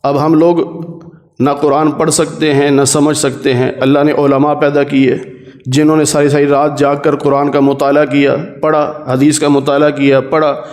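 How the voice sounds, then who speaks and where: A man with a Pakistani Urdu accent giving a Quran commentary lesson, explaining verses plainly, repeating key points, and reciting Arabic verses slowly. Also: a little high, level tone, darkish tone. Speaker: Quran teacher.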